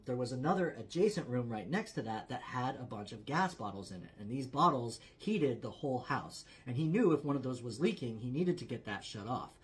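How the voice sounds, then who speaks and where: With a medium-pitched voice, this man serves as host and storyteller, recounting a real event in a campfire-style telling. His wording stays casual and conversational, while he stresses certain phrases to build drama.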